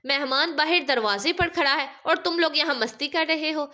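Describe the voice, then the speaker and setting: A woman's voice: sits high, lively intonation, sharp tone. A woman voicing a tearful praying mother. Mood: gently scolding. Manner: tearful pleading prayer. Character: grieving devout young mother.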